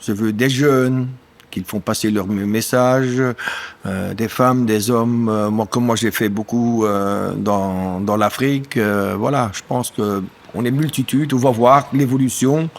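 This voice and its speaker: A dairy farmer in his sixties from German-speaking eastern Belgium speaks French as a second language with a German accent, haltingly searching for words in a conversational podcast interview. His voice is lowish.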